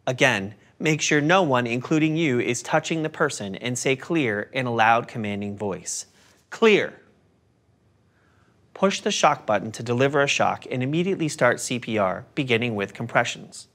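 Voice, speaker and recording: A man narrating a scripted first-aid lesson in a calm, step-by-step instructive manner. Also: mid-range voice, brisk, few pauses.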